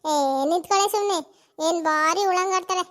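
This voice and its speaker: A melodramatic middle-aged cartoon wife who whines, wails and bosses people around. Her voice is squeaky and very high. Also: steady tone, brisk, a bit bright, a little hiss or hum. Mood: scolding. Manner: whiny, melodramatic. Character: dramatic middle-aged wife, wailing complainer.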